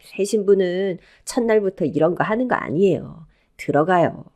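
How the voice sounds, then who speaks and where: A kind, meek sister-in-law, played by a woman in a radio play. She talks quietly and soothingly. She never raises her voice. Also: on the low side, expressive, moderate pace. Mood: gentle.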